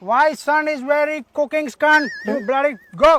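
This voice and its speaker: A man's voice: very high-pitched, flat delivery, very slow, bright, forceful tone, a little hiss or hum, heavily acted. A man playing a boastful foreign-returned rich man who mixes broken English into North Karnataka Kannada. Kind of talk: sketch comedy acting.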